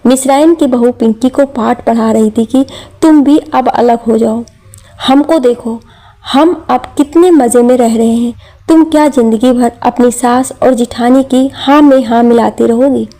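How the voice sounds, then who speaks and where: A woman's voice: fairly high pitch, fairly even intonation, unhurried, warm tone. A woman telling a family drama story in scripted narration, reading every character's lines in her own voice.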